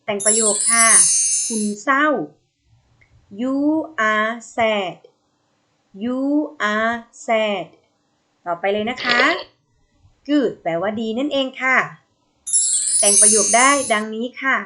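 A woman with a Thai accent leads a video English lesson for young children. Her voice sits somewhat high, and she speaks very slowly, drawing out each model phrase. Her tone stays gentle and encouraging as she coaxes the pupils to repeat after her. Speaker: primary school English teacher.

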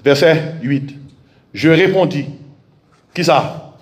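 A man preaching a fervent sermon as pastor, now and then bursting into shouts. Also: on the high side, slow pace, roomy sound. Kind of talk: French sermon.

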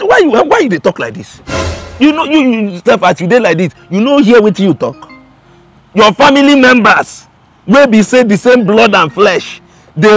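A Nigerian man plays a wary, sly friend in a comedy skit, teasing and bargaining with a lively, bouncing voice. He speaks with a Nigerian accent, a touch high, as soft music plays behind. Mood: alarmed. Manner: teasing, quick laughter.

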